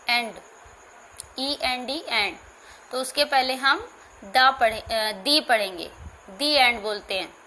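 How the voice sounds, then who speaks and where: A woman teacher talks through a grammar lesson at an unhurried pace, spelling words letter by letter and repeating key points. Her voice sits a little high. A faint background noise runs under the recording. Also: pushed and bright. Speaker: school teacher.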